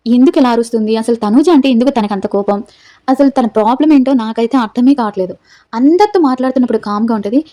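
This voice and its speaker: A woman talks quickly in a soft, mellow voice that sits a little high. She hosts her own channel and runs through a reality-show recap in a casual, chatty way, slipping into the contestants' quoted lines as she tells it. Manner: chatty retelling that acts out the quoted dialogue. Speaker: YouTube channel host.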